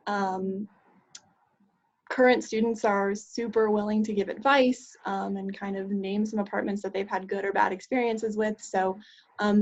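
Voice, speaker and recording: A young woman in her twenties from Kansas, a law student answering interview questions in a hesitant way, with many ums. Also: medium pitch. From Kansas, USA. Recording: muffled lo-fi audio.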